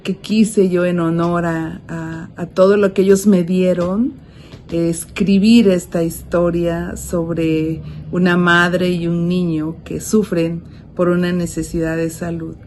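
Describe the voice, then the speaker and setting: A woman's voice: lowish voice, flat delivery, takes it slowly, a little mellow, slight background noise. A woman author talking about her writing in a hesitant way, with many fillers, over a video call.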